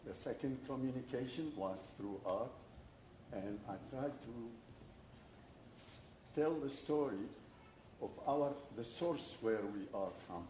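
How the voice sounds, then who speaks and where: A man in his seventies from Syria, speaking slowly and earnestly as an audience member at a panel. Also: medium pitch, dark tone. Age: 70s. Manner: slow, halting, earnest. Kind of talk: slow personal remarks from the floor. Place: event hall with an audience. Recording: roomy, from far off, noisy.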